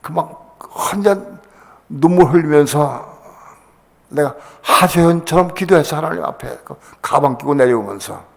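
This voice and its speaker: A man's voice: a little slow, vocal fry. An older man, a pastor, giving an emotional sermon testimony, his voice leaping up in passionate bursts. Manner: emotional, pitch rising sharply in passionate bursts. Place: church sanctuary. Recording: church hall with long reverb.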